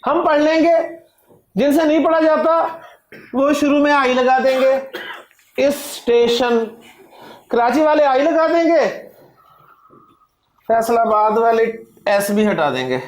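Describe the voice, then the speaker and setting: A Pakistani man teaching a Quranic Arabic class in Urdu, explaining slowly with a Pakistani accent, drawing words out and often checking "right?" with the students. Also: very high voice, expressive. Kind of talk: classroom lecture. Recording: echoey classroom.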